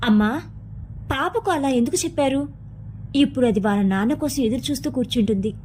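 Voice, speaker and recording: A woman's voice: high-pitched, expressive, fairly quick, a little mellow, a little hiss or hum. A woman voicing a troubled young mother who speaks in a pleading, anxious way.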